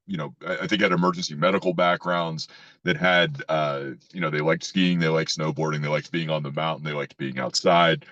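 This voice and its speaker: A very low-voiced man asks questions with an earnest, repetitive way of starting his sentences. His voice comes through dry and dull, like a video call. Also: fairly bright tone, no echo. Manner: earnest, repeats words when starting sentences. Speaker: interviewer. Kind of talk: casual interview chat.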